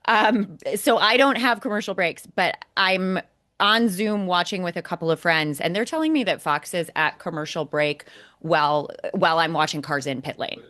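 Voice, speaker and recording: With a fairly low, fairly bright voice at normal speed, a woman co-hosting a motorsport podcast critiques race broadcasts. She's emphatic and opinionated, walking through her argument point by point.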